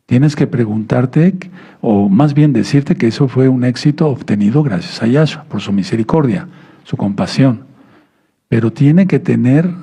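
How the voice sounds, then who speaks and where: Gravelly, husky man preaching a sermon. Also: medium pitch, mellow. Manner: teaching tone, many restarts and stammered words, asks the audience "¿sí?".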